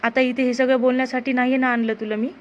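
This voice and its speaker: A desperate, possessive young man in love, pressing and pleading in a fairly high voice, as a woman reads him. The recording sounds slightly dull, with a faint hiss underneath. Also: little pitch movement, fast talker, close to an everyday voice. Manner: insistent, pleading.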